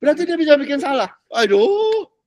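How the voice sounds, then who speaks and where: A male pastor with a high, sing-song voice teaches a discipleship class at a normal pace, recorded cleanly in studio quality with no echo. His informal teaching style is chatty, full of casual Jakarta slang and dropped-in English words, and he keeps asking whether the class is following.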